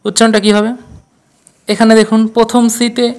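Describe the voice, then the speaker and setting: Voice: medium pitch, little pitch movement, a little fast, darkish tone. Patient Bengali-speaking pronunciation teacher. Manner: patient, spells out words letter by letter. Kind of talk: explaining pronunciation rules to viewers.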